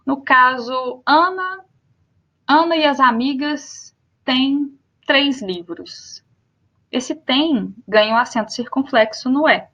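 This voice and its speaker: Young Brazilian woman teacher, high voice, slow careful repeats, dull lo-fi sound. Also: a bit bright. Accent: Brazilian Portuguese. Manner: spells out and repeats example words slowly. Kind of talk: spoken grammar lesson.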